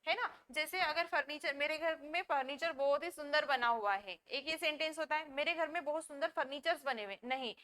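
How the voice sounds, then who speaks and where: A woman with an Indian English accent teaching a classroom lecture, explaining slowly and asking and answering her own questions. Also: high voice, sharp tone.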